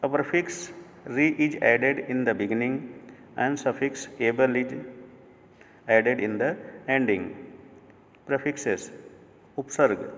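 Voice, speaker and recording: A male teacher explains word parts one by one, pausing over each piece. He speaks at a very slow, measured pace at a middling pitch. His voice carries a long, reverberant echo. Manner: slow, deliberate, spelling out word parts and glossing them in Hindi. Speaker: English teacher. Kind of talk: YouTube grammar lesson.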